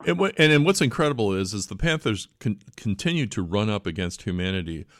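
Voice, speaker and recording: A man's voice: lowish voice, lively intonation, fast, dry recording, studio quality. A man hosting a radio interview, with a conversational manner full of chuckling asides. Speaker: radio show host. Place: radio studio.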